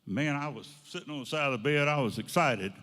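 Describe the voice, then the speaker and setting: A man's voice: medium pitch, a little fast, fairly bright tone. A man telling a folksy story in a hall. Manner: folksy, long chains of "he goes, I said". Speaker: guest speaker. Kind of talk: anecdotal storytelling talk. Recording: long hall reverb.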